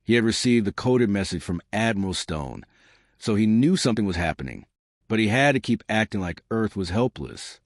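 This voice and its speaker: A man narrating a sci-fi story in a steady, dramatic storytelling manner. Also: fairly low pitch, normal speed, no room sound, clean studio sound.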